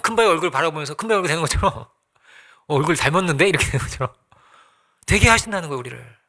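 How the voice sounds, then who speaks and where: Male pastor, conversational sermon, quick delivery, bright ringing tone, fairly high voice. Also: lively intonation. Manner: conversational preaching with acted quotes and rhetorical questions.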